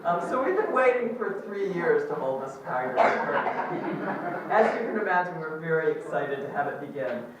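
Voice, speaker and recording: Over a noisy crowd, a woman who chairs a department gives an animated, upbeat welcome speech at normal pace, her voice low and her ums frequent. A distant recording of her amplified microphone carries heavy echo from the large lecture hall.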